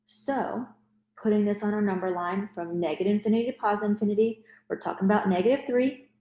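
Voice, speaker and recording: A woman's voice: mid-range voice, fairly even intonation, fast, warm tone. A woman walks through a math problem one step at a time, talking as she works. The sound is roomy and slightly dull, like a lo-fi lecture recording in an echoey space. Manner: step-by-step, explanatory. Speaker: math teacher.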